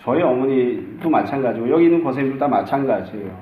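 Middle-aged male pastor, conversational sermon, quick talker, slightly high voice, echoey dull recording. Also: lively intonation. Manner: conversational preaching, acts out quoted lines.

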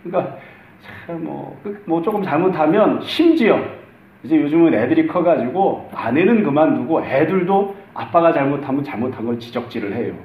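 A man's voice: fairly high pitch, expressive, moderate pace, reverberant, narrow, tinny audio. A middle-aged male pastor preaching a conversational sermon, acting out the lines he quotes.

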